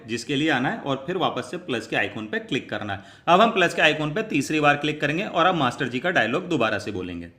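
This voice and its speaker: A man walks viewers through a screen tutorial one step at a time, explaining each click patiently and calling them his friends. His voice is bright and slightly high. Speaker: tutorial host. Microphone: wearing earphones.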